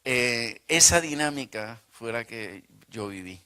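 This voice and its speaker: Male preacher, animated storyteller in a sermon, bright and forceful voice. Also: medium pitch, slow pace, clean tone. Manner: animated, acts out dialogue. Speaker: pastor.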